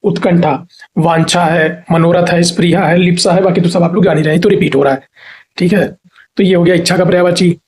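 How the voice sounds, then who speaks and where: A man teaching a Hindi exam-prep class, asking a question and then answering it himself, repeating each answer and spelling words out slowly. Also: high-pitched, steady tone, a little mellow. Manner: drops "theek hai" checks between points.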